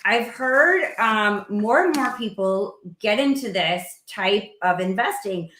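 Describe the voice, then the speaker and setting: Bright-voiced woman hosting a chat. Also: mid-range voice, expressive, takes it slowly, reverberant, slight background noise. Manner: chatty, with frequent fillers. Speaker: host. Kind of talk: casual interview chat.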